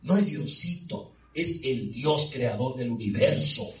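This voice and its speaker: A man preaching a sermon in a church, animated and calling on the congregation for answers. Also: mid-range voice, unhurried. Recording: echoey hall, mic far off.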